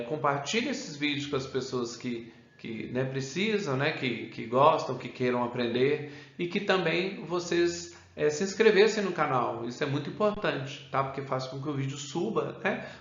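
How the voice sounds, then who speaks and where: A man with a Brazilian Portuguese accent teaches an English grammar lesson, keeps adding "né?" and says the English examples slowly. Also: fairly high pitch, animated, a bit bright. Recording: roomy, dull lo-fi sound.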